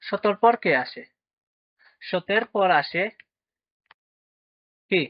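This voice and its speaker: Male teacher, fairly high voice, patient question-and-answer drilling, dry close sound. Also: drawn-out words, no echo, dull audio. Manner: asks questions and answers them himself, with frequent check-ins. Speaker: math teacher. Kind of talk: classroom lesson for children.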